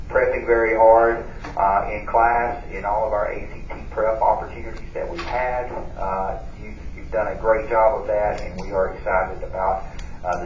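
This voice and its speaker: Deep flat man over a school intercom. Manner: halting, many "uh" fillers and restarts. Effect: school intercom loudspeaker. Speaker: school administrator making announcements. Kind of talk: PA announcements. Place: classroom, heard through ceiling speaker. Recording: echoey, distant, muffled intercom speaker with faint noise.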